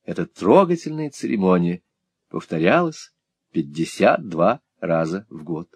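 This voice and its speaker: A man's voice: deep voice, unhurried, slightly rough, dry recording. A man narrating a classic novel as an audiobook, telling it expressively. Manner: expressive storytelling.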